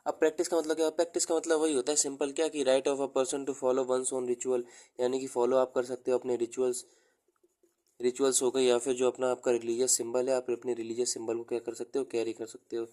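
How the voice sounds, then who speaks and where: A young man giving an exam-prep lecture in a mellow, fairly flat voice. He talks slowly, repeats key terms as he writes them down, and mixes Hindi with English terms. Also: mid-range voice. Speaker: teacher.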